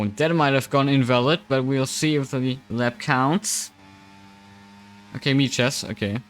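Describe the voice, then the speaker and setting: A man's voice: medium pitch, a little hiss or hum. A young man commentating a sim racing qualifying session on a live stream, chatty and self-mocking, thinking aloud into a desk microphone.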